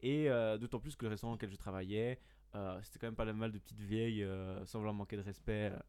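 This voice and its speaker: A man's voice: fairly low pitch, steady tone, fast talker, darkish tone, clear, resonant tone. A young man, a podcast guest, telling a self-mocking story in casual chat, full of hesitations and fillers.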